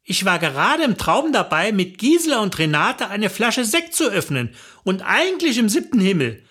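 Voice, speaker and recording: A woman's voice: medium pitch, big pitch swings, moderate pace, a bit bright, breathy edge. A woman narrating a comic personal story in a chatty, wry manner.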